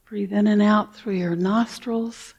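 A woman guiding a meditation in a soft, unhurried voice, leaving long pauses and sometimes easing into a whisper. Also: medium pitch, fairly even intonation, gravelly, husky. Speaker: meditation teacher. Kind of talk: guided meditation.

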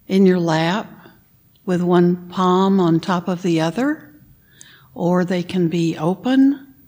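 A woman leading a guided meditation, giving gentle instructions and sometimes dropping to a whisper on the breath cues. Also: fairly low pitch.

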